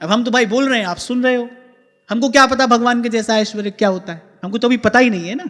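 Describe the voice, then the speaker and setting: A man giving a devotional sermon, moving between quick explanation and slow recited verse. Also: very high voice, fairly bright tone. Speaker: spiritual preacher. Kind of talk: devotional discourse with chanted verses. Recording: reverberant hall with faint music.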